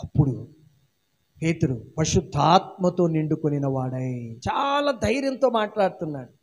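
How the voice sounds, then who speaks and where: Male Andhra Telugu pastor, high-pitched, emphatic sermon delivery. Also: big pitch swings, moderate pace. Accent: Telugu-speaking Andhra region. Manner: emphatic preaching with repeated phrases and rhetorical questions. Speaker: senior pastor.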